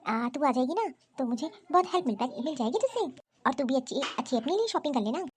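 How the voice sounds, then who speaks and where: A woman's voice: high voice, expressive, quick pace, slight background noise. A woman doing a bossy scheming cartoon mother. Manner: bossy, gossiping advice. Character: scheming older mother, doting on her daughter.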